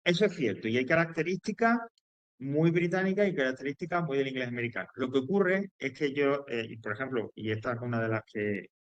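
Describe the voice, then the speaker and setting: A man's voice: medium pitch, a little fast, dry recording, highs cut off. Man teaching a grammar class. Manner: explanatory, with frequent fillers, restarts and checks like "¿vale?". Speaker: English teacher.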